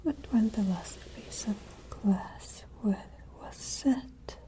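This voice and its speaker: A woman playing a haughty, menacing, ageless vampire lady of a castle in a whispered ASMR roleplay, with deliberate, imperious delivery. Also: a little high, mellow. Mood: cold, wistful menace.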